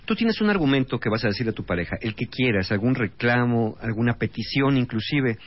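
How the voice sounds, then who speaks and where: A man's voice: mid-range voice, animated, fairly quick. Mexican man explaining on radio. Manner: explanatory, lists examples. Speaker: guest couples expert. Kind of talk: radio talk show explaining. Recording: dry, dull radio studio sound.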